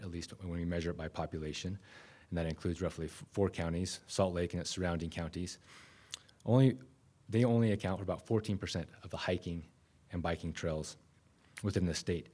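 Man, 30s, low voice, conference keynote, podium mic, measured with restarts. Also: mellow, breathy edge. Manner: measured, self-correcting restarts. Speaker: keynote speaker. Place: conference room, speaking at a podium. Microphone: podium microphone.

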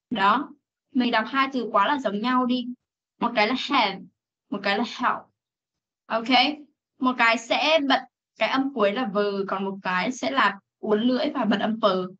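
A woman teaching an English class over a video call, reading sentences slowly for students to repeat and correcting them firmly. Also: fairly high pitch, a bit bright. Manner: reads English slowly for repetition, scolds firmly. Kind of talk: online class instruction. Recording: dull lo-fi meeting recording.

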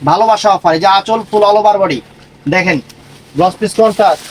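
A man giving a live online sales pitch in an emphatic, repetitive patter. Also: a little fast, rough recording. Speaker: online saree seller.

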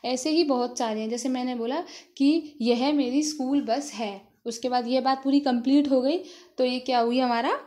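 A woman, a school teacher giving a grammar lesson to her students, explaining slowly and asking them questions she then answers herself. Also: high voice, fairly even intonation, mellow.

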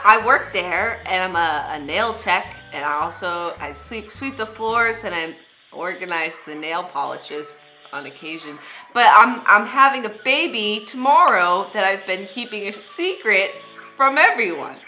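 Young woman doing prank calls, super lively and bright, kinda rambly. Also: mid-range voice, unhurried, soft background music. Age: young adult. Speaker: prank caller, co-host. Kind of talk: comedic prank calls and casual banter. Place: small room indoors.

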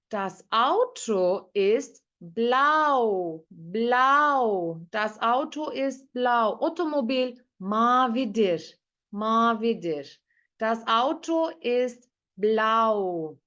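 Slow, patient woman teaching a class. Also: a little high, fairly bright tone, highs cut off. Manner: patient, repeats words slowly and drills pronunciation. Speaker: German teacher. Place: online class.

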